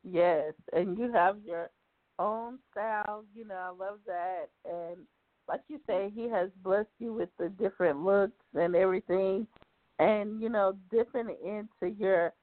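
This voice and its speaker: A woman hosting a talk show, asking questions with enthusiastic praise and quick laughs. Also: medium pitch, no echo. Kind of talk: casual interview. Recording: tinny phone line, dry.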